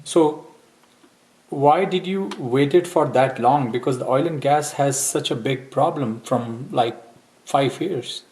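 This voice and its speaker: A man hosting a career-advice interview, asking brisk questions and checking facts. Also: medium pitch, darkish tone, low-quality recording. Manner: brisk questioning with quick acknowledgments. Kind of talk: interview over a call.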